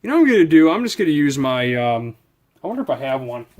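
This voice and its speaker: Very animated and fast-talking, this reviewer has a voice on the high side with a slightly mellow quality. He hosts a casual unboxing on his video channel, rambling without a script and thinking aloud as he handles the products.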